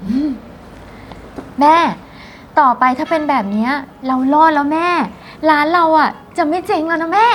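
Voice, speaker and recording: A woman's voice: sits high, moderate pace, slight background noise, natural voice. Woman playing a blunt, jilted young woman. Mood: wistful. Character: hot-tempered young woman, jilted, helping her mother. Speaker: struggling shop owner's daughter. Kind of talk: short film drama. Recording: music score under dialogue.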